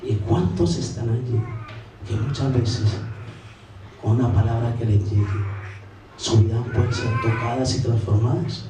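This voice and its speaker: A man preaching a sermon as pastor, earnest and steady, pausing and restarting phrases as he goes. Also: medium pitch, distant mic, background noise. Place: large church sanctuary. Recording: very echoey church recording from afar.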